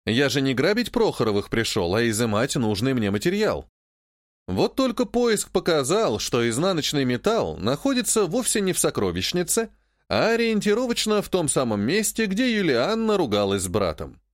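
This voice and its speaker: A man's voice: on the high side, big pitch swings, moderate pace, no echo, studio quality. Man narrating a fantasy audiobook. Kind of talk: scripted first-person audiobook narration.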